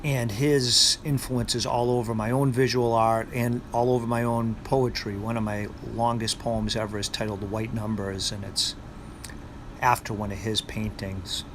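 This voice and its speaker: A man's voice: fairly low pitch, little pitch movement, normal speed, background noise. A man with a Boston accent, a poet, introducing and reciting poetry aloud. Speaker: poet and presenter.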